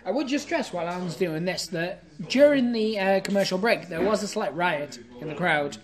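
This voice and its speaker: A woman's voice: on the low side, lively intonation, normal speed, a crowd in the background. A woman from England, playing a tabletop wrestling game and doing mock ringside announcing with dry, teasing asides. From northeast England.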